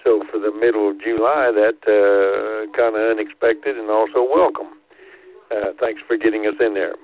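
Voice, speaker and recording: Male amateur radio caller, slightly deep, relaxed casual reporting, heard over a thin radio transmission. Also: moderate pace, no echo. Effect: two-way radio transmission. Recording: tinny, narrow radio transmission.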